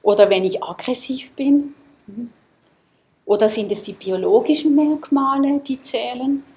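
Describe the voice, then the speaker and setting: Woman, Swiss-born, meditation teacher, calm reflective dharma talk, slow pace. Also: high voice. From Switzerland. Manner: calm, reflective, asks the listeners questions. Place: seminar room.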